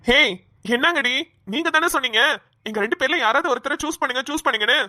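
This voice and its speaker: A woman voicing a young cartoon man who is exasperated by two girl cousins, talking in quick complaints. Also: sits high, bright, forceful tone. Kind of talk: cartoon voice acting.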